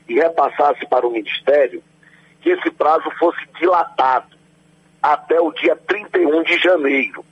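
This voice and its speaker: Husky man on a muffled phone line. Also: on the high side. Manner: measured, courteous, explanatory, often addressing the host by name. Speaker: government agency official being interviewed. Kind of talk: formal radio interview answers. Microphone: phone call into a radio programme. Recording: muffled, dull telephone line.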